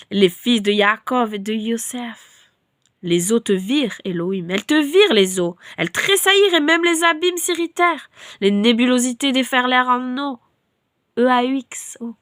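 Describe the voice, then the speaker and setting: Woman, devotional reader; loud, fervent scripture declamation, bright-ish register. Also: high-pitched, no echo, studio quality. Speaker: bible reader.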